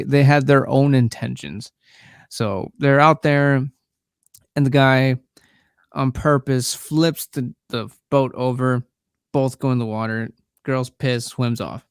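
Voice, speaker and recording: A man hosting a podcast, casually recapping a horror film in a rambling, halting way, full of fillers, restarts and the odd swear word. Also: medium pitch, steady tone, clear, resonant tone, no room sound, studio quality. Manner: profane, laid-back. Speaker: podcast host reviewing a film.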